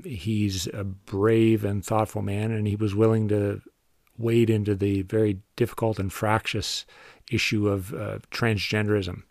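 A man with a Cape Breton Canadian accent hosting a podcast in a conversational way, pausing as he phrases things. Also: lowish voice, gravelly, darkish tone, no echo, clean studio sound. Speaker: podcast host. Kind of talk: conversational podcast introduction and interview.

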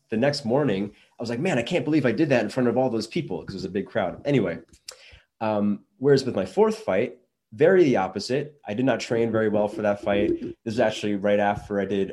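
A man's voice: lowish voice, darkish tone. A young adult man talking casually on his own show, rambling with many restarts and fillers. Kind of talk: casual solo talk.

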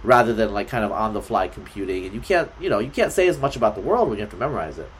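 A man's voice: on the low side, rapid-fire, slight background noise. A man as a podcast guest, talking in a loose, rambling way with lots of fillers. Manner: rambling, filler-heavy, lively. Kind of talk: casual conversation.

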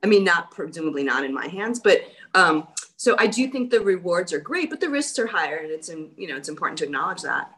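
Female guest author, deep voice, dry casual humor. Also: sing-song, fast talker, few pauses, fairly bright tone. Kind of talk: casual panel chat.

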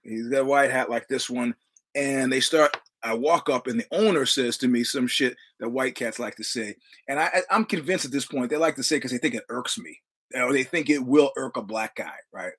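This podcast host, a sixty-something Brooklyn, New York native, delivers a casual storytelling monologue full of profanity and swagger, voicing the dialogue as he goes. He speaks at normal speed in a mid-range voice, fairly bright and slightly rough.

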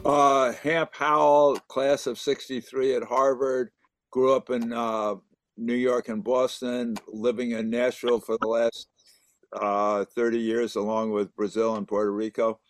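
A man in his eighties introducing himself on a group call, halting with many fillers. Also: medium pitch, little pitch movement, faint music behind. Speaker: clinical psychologist. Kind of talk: casual self-introduction.

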